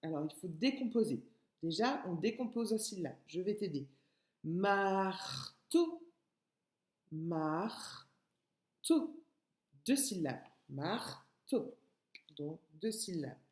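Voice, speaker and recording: A woman's voice: lowish voice, expressive, measured pace, a little mellow, reverberant. A woman teacher with a French accent giving a patient, step-by-step writing lesson to young children, spelling out sounds and syllables. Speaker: kindergarten teacher.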